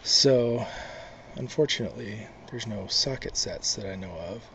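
A man showing a car repair himself, talking in a slow, halting, casual way with many pauses, recorded on a handheld camera outdoors at night under a truck. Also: on the low side. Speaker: DIY video maker. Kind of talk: casual how-to demonstration. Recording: loud noise behind the voice.

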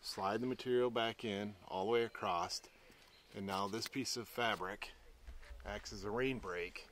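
Low-voiced man explaining camping gear. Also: fairly bright tone, a little hiss or hum. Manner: chatty, explains gear step by step. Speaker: trailer review vlogger. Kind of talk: casual walkaround commentary. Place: outdoor wooded campground.

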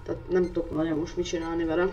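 A woman giving let's play commentary on a racing game, excitable and often shrieking at crashes, talking loudly into a poor microphone. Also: lowish voice, lo-fi sound. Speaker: gamer. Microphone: poor gaming mic, speaking loudly into it. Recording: distant mic with faint noise.

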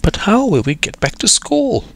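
A man's voice: sits high, sing-song, moderate pace, creaky, faint music behind, pitched above the performer's own voice, heavily acted. A man voicing a strict, cross female schoolteacher in a children's story, in a prim, huffy manner.

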